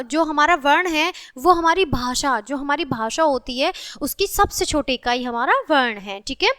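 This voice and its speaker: Bright high-voiced woman teaching small children. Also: no room sound, studio quality. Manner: asks "ठीक है?" after almost every phrase; repeats each point in simpler words, stretching sounds slowly. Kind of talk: teaching a class to young children.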